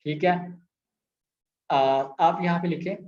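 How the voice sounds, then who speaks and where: A man with a Pakistani Urdu accent teaches a language lesson, explaining grammar through on-screen examples and mixing in English as he patiently repeats sounds. His voice is a little high and mellow, slow and fairly even, and the echoey, slightly dull recording carries a faint hiss or hum.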